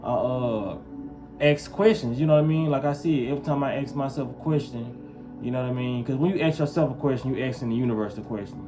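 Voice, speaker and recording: Talking fast at a medium pitch over music, a man from Memphis in the US South vlogs casually to camera. He wanders from point to point, often checking on his viewers with "you feel what I'm saying."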